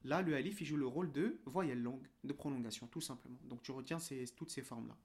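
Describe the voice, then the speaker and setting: A man teaching reading in a relaxed, informal way, checking in often and drawing out syllables. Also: mid-range voice. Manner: patient, informal, addresses the learner as tu with frequent "d'accord?" and "ok?"; drawn-out syllable demonstrations. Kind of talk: online lesson.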